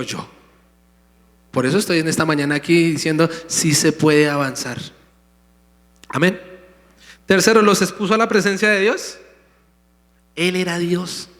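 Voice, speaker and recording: A man's voice: a little high, a bit bright. Preaching man in an echoing hall. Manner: emphatic preaching, calling out to the congregation. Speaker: pastor. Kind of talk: sermon. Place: church sanctuary. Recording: long hall reverb.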